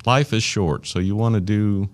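A middle-aged man with an Arkansas Southern accent, talking casually in an interview in a folksy, plain-spoken, halting way. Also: lowish voice.

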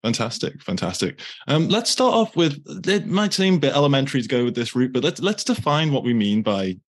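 A man's voice: medium pitch, big pitch swings, a little fast. A man hosting a marketing podcast, upbeat and repeating words, often saying "like". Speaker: podcast host. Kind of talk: podcast interview.

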